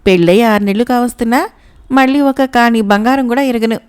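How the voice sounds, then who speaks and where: A woman voicing a quarrelsome, proud young wife who scolds at length without pausing, in a smooth voice. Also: fairly high pitch, a little mellow, natural voice. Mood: scolding. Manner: scolding nonstop without a breath.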